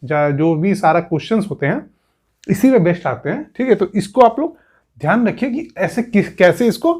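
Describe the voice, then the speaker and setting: A man's voice: high voice, lively intonation, normal speed, a little mellow, breathy edge. A male coaching teacher explaining at a whiteboard, who keeps saying "theek hai" and puts rhetorical questions to his students. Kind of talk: exam coaching lesson.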